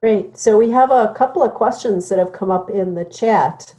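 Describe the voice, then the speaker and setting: A woman moderating a webinar, brisk and polite, giving time warnings and reading questions. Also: mid-range voice, dark tone, poor audio.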